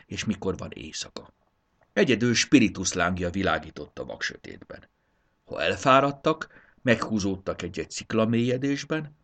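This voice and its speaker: A man reading a children's storybook aloud in an expressive, measured way. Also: deep voice. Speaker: narrator. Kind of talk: storybook narration.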